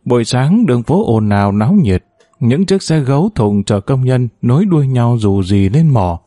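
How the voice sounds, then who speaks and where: A man narrating a story aloud in a measured, expressive audiobook style. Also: medium pitch, dry recording, studio quality.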